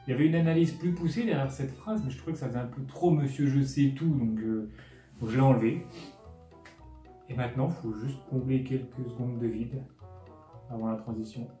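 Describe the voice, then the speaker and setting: A brisk, dark-toned man with a mid-range voice narrates a sarcastic, scripted film recap as host, throwing in plenty of casual asides. Music sits under his voice, and the space sounds roomy and echoey.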